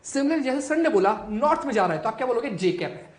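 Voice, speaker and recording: A woman with a fairly high voice teaches a physics class, asking the students questions and then answering them herself. Her voice rings with the echo of the room. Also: sing-song, quick pace.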